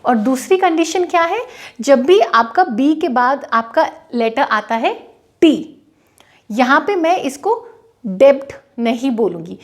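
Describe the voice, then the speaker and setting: A woman's voice: sits high, animated, measured pace. A young woman from India teaching English pronunciation in a video lesson, explaining patiently step by step and checking that her students follow. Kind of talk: classroom-style video lesson.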